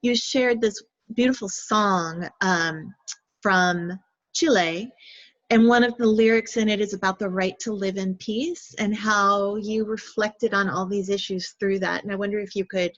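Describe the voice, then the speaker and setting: A woman moderating a panel discussion, speaking in a thoughtful, measured way with frequent pauses and fillers. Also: mid-range voice, steady tone, fairly bright tone, dry recording. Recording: dull lo-fi dry sound.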